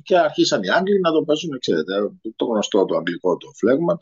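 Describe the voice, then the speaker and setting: Male radio guest, husky and hesitant, low voice, lo-fi sound. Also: sing-song, a little mellow. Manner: hesitant, many filler sounds. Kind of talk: unscripted radio conversation. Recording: lo-fi radio recording.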